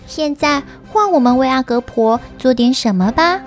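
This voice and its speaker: A woman's voice: high-pitched, expressive, normal speed, soft background music. A woman voicing an earnest, polite little fairy girl in a children's storybook, with a tiny, sweet, childlike delivery. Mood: remorseful. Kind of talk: children's audio storybook acting.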